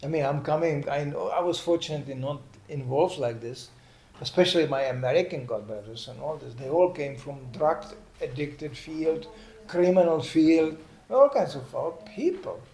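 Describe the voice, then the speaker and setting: A man's voice: fairly high pitch, moderate pace. Older man telling sermon stories. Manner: lively anecdotal telling with "you know" asides. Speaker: preacher. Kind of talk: storytelling sermon. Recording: echoey room, faint background noise.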